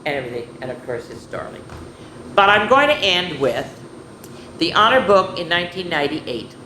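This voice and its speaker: Her voice sits on the low side but sounds pushed and bright, with a sing-song lilt at a moderate pace. She runs a children's story time, reading picture books aloud and doing show-and-tell in a playful, chatty way full of asides to her viewers, recorded in an echoey room with clear background noise.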